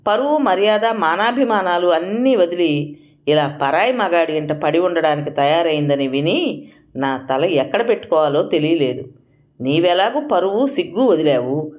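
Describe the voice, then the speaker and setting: A woman reading an audio story, voicing an angry young adult son who shouts his scorn at his mother. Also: lowish voice. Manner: shouting, contemptuous.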